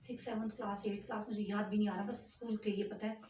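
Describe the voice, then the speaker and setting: An older woman from Punjab, telling a long rambling story in a chatty, animated vlog. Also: medium pitch, fast, distant mic, slight background noise. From Punjab, Pakistan. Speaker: vlogger. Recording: echoey room, voice from afar, faint ambience.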